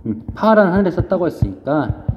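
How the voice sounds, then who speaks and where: A male teacher giving an online lecture, explaining step by step with fillers, pausing as he writes notes. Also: on the high side, sing-song, music in the background. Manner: explains slowly while writing, frequent fillers. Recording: dull lo-fi audio, long reverb, faint noise.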